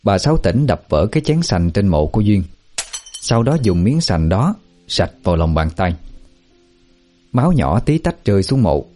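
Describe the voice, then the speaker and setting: A man reading a ghost story aloud as a storyteller, in an even, unhurried narration. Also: fairly low pitch, soft background music. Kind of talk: scripted horror narration.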